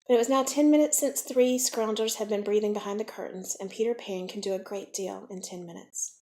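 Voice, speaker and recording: A woman narrating a classic children's novel in a lively, expressive storybook reading. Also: medium pitch, fairly quick. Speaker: audiobook reader.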